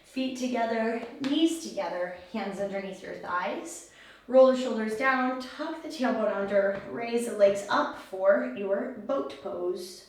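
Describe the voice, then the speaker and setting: A woman teaching a yoga class, giving step-by-step pose instructions in a calm, soothing, encouraging way. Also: a little high, slow. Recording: very echoey room, far mic, faint noise.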